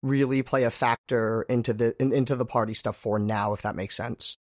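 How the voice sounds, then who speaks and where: A man talking through his character at a tabletop game in a middle-pitched voice, thoughtful and a little hesitant. The recording is dry and close. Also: fairly even intonation, brisk, no room sound. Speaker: tabletop role-play player. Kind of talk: casual role-play table talk.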